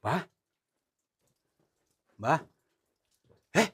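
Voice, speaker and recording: A man exploring a cave, talking in a coaxing, soothing, often hushed way. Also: extremely slow, background noise. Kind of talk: staged exploration vlog. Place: inside a cave.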